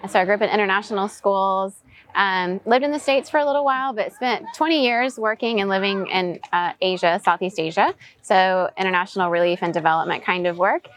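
This woman in her forties, US-born but raised in Venezuela, is a guest in a casual, in-person interview held outdoors. Her medium-pitched, slightly bright voice moves briskly as she answers reflectively.

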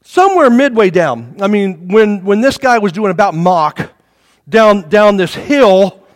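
Brief: jokey, storytelling male pastor, lively high voice, echoing sanctuary. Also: measured pace. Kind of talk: sermon. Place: church sanctuary. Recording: reverberant hall.

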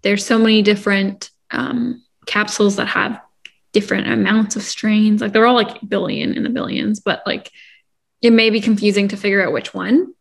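A young woman co-hosting a casual podcast chat. Her voice sits at a middle pitch with a gravelly fry, and her talk is chatty and full of "like" and "um" fillers. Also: fairly even intonation, normal speed. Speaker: podcast co-host.

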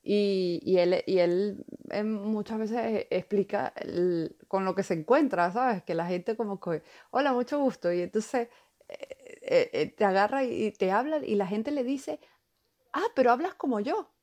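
Woman telling stories haltingly. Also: medium pitch, mellow. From Venezuela. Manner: halting, repeats words while storytelling. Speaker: podcast co-host. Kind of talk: casual chat.

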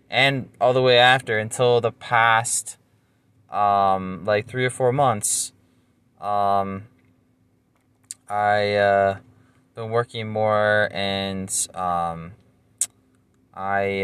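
A man's voice: fairly low pitch, a bit bright, clear, resonant tone, no echo. A young man in his twenties with a noticeably nasal voice, talking alone into a home mic. He rambles casually, pads his talk with fillers and pokes fun at himself. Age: 20s. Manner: rambling, self-deprecating, full of fillers. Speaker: podcast host. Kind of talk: casual solo monologue.

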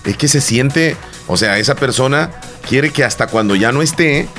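A man's voice: mid-range voice, expressive, normal speed, fairly bright tone, soft background music. A man with a Salvadoran accent co-hosting a podcast, telling stories with emphatic repetition. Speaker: podcast co-host. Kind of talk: casual chat.

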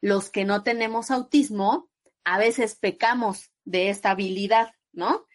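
Mexican woman explaining in an interview. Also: measured pace. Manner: explanatory, acts out quoted voices with lively pitch jumps. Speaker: psychologist guest.

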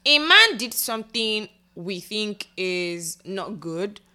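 A woman's voice: mid-range voice, sing-song, takes it slowly, bright, forceful tone. A woman co-hosting a podcast, chatting casually and animatedly, exclaiming and laughing as she talks. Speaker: podcast co-host. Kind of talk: casual chat.

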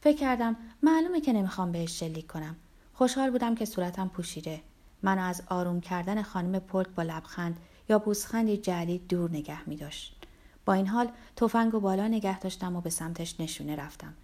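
A woman narrating a novel aloud in the first person, with a measured, even reading. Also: fairly low pitch. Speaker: audiobook narrator.

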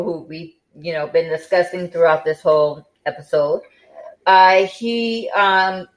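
A woman's voice: fairly low pitch, poor audio. A woman hosting a podcast in casual chat, tired and yawning, with many fillers and restarts. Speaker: podcast host.

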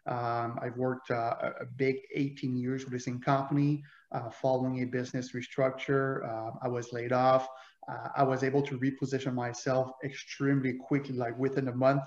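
A man's voice: mid-range voice, flat delivery, moderate pace, a little mellow. A man with a French Canadian accent, a native French speaker, talking in a casual interview with many hesitations. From Quebec, Canada. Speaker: guest. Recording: roomy, dull lo-fi remote audio.

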